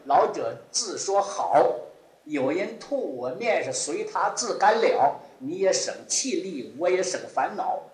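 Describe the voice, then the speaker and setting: A man gives a Buddhist sermon in a fairly high voice that swings widely in pitch. He comes back to the same phrases again and again. The room adds a clear echo. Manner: rises and drops sharply, repeats key phrases. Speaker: Buddhist teacher. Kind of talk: Buddhist dharma talk.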